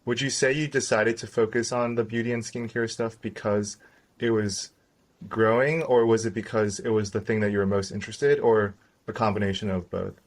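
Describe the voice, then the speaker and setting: A man's voice: lowish voice, fairly even intonation, moderate pace. A man co-hosting a podcast, asking a guest friendly, wordy questions. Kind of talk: interview questions.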